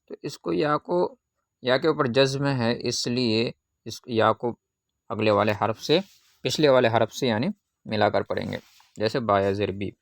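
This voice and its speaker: A man teaching a Qaida reading lesson, patiently asking questions and answering them himself, with drawn-out syllable recitation. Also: medium pitch, gravelly, no echo, studio quality.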